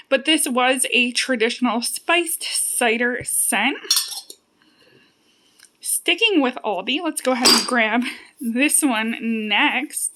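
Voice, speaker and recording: Female vlogger, slightly high voice, chatty casual product-review delivery. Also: pushed and bright, slight background noise. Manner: chatty, conversational. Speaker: YouTube host reviewing home fragrance products.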